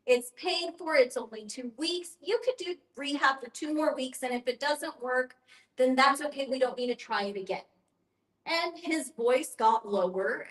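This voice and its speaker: In an echoey room, a woman with a high-ish, somewhat bright voice guides a group discussion as a guest facilitator and end-of-life educator. She explains earnestly, repeats things emphatically, and weaves in personal anecdotes.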